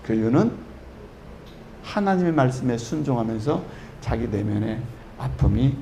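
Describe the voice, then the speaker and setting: A man's voice: medium pitch, animated, moderate pace, mellow, a little hiss or hum. A middle-aged man preaching a sermon in a church, emphatic and full of rhetorical questions. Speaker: pastor. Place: church sanctuary.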